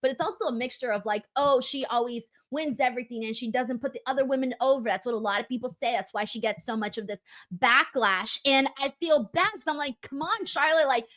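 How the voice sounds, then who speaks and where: High-voiced woman talking wrestling, emphatic. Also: a little fast. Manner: animated, emphatic, conversational. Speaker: wrestling talk show host. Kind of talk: casual wrestling commentary and discussion.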